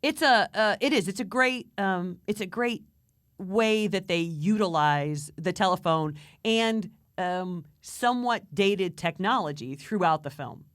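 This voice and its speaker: A woman co-hosting a horror movie podcast, chatting casually with lots of restarts and animated swings. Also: mid-range voice, unhurried, no echo, clean studio sound. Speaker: podcast co-host. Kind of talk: casual chat.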